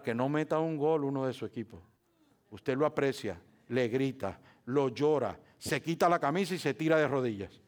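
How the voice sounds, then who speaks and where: A man preaching a sermon as pastor in a church, repeating phrases and asking the congregation rhetorical questions, swinging from quiet talk up to loud, emphatic passages. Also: a little high.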